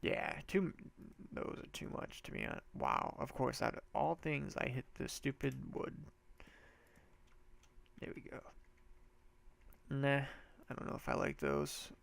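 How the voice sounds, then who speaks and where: With a blocked-up nose, a let's-play host muses his way through a building game, his speech loose, slangy, and easygoing, full of trailing thoughts and fresh starts. He sounds animated and fairly bright in a mid-range voice with vocal fry, keeping a measured pace broken by long pauses.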